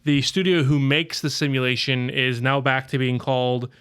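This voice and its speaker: A man's voice: medium pitch, steady tone, moderate pace, fairly bright tone, a little hiss or hum. A man in a casual podcast chat, rambling and searching for words. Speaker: podcast co-host.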